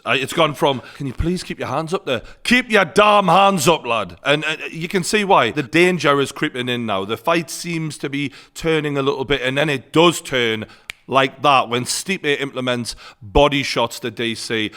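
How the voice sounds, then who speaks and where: A man's voice: mid-range voice, a bit bright. A man with a Newcastle Geordie accent gives a casual, blunt and opinionated fight recap to viewers, swearing freely. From northeast England. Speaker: sports commentator and online host.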